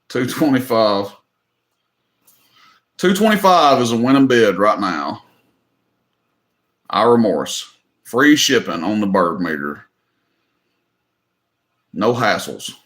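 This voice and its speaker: There's an echoey room behind this lowish, slightly bright male voice belonging to a middle-aged Tennessean auctioneering online. Drawling and saying "y'all," he jokes his way through the casual livestream in a folksy manner.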